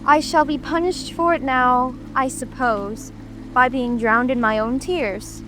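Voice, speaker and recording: A woman's voice: sits high, steady tone, measured pace. A woman playing a polite, curious little girl who speaks earnestly and apologetically in a dramatic audiobook. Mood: rueful. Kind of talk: dramatic audiobook character reading. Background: music, rain ambience.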